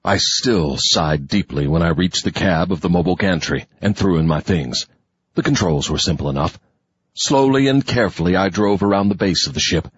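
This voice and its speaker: Male audiobook narrator, low husky voice, wry storyteller, dry muffled lo-fi sound. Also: no echo. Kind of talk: first-person audiobook narration. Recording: dull, lo-fi dry recording.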